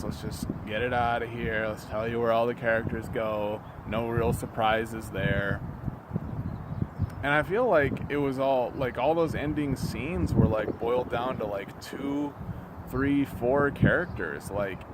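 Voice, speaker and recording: A YouTube reviewer who sounds drunk delivers an off-the-cuff video rant in a medium-pitched voice, with background noise behind him. He rambles, halts and repeats himself, exasperated and swearing freely.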